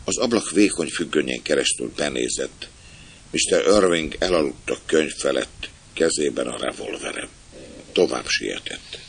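A man reading an adventure novel aloud as an expressive audiobook narrator. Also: rumbling low, vocal fry, slightly rough. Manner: expressive, plays the characters' voices.

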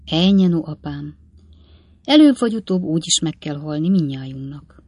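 A woman's voice: sits low, expressive, a little mellow, slightly rough, dry recording. A woman voicing a grown son in an audiobook, speaking in a soothing, consoling way.

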